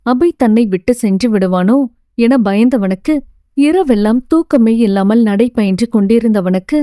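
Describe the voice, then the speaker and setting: Woman narrating an audio novel in a mellow voice. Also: a little high, dry recording, studio quality. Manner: steady, expressive storytelling.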